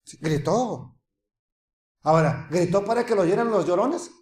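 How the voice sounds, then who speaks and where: A man delivers a sermon. He preaches dramatically, moving from loud calls to near-whispered asides. The room around him is echoey. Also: high-pitched, expressive, unhurried. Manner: dramatic, acts out quoted voices, swings from loud to hushed.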